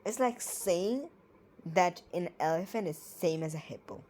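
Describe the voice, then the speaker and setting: Low-voiced woman mocking poems aloud. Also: lively intonation, measured pace, darkish tone, a little hiss or hum, low-quality recording. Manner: sarcastic, playful, ranting asides. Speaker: poetry reviewer. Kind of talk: casual commentary reading poems aloud.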